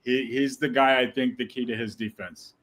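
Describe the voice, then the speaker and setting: A man's voice: medium pitch, steady tone, moderate pace, fairly bright tone. A man co-hosting an online sports show, agreeing often and chiming in. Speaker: co-host. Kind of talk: casual sports chat.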